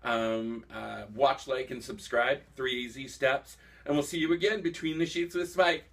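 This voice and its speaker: A man's voice: medium pitch, steady tone, normal speed, gravelly, fairly bright tone, far from the mic. A man hosting a casual chat show, playful and teasing, laughing often. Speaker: host.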